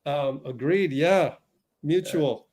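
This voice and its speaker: Flustered livestream host doing play-by-play. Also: male voice, fairly high pitch, slow, a little mellow, breathy edge. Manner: flustered, rambling, many fillers, talks to himself while fixing tech.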